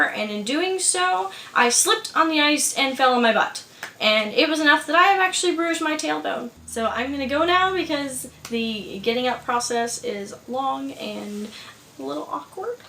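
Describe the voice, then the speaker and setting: A woman's voice: sits high, bright, forceful tone, reverberant, a little hiss or hum, poor audio. A young woman chatting enthusiastically to camera about books she got, filmed at home. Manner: chatty, enthusiastic, laughs easily. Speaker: book vlogger. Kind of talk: casual chat to camera. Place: home room with candles. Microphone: camera filmed by her sister.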